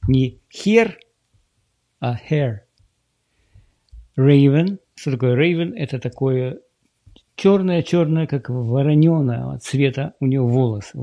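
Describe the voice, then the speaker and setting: A man with a dark, mellow voice that has a gravelly edge, leading a relaxed English lesson over a shared screen. He explains things patiently and slows down to repeat English words. The sound is close and dry. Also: mid-range voice, dry recording. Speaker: English teacher.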